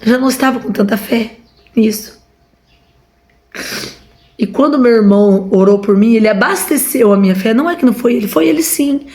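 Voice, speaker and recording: A woman's voice: on the high side, brisk, long pauses, warm tone. A woman with a Brazilian Portuguese accent giving a fervent testimony from home, repeatedly calling her listeners brothers. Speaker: preacher. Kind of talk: emotional testimony to a congregation.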